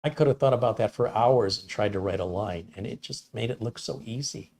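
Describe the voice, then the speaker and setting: A man's voice: medium pitch, brisk, warm tone. A middle-aged man hosting a live stream, chatting casually and rambling through stories, acting out the lines he quotes in different voices. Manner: rambling storyteller who acts out quotes in voices. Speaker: live stream host reading chat. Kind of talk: casual chat.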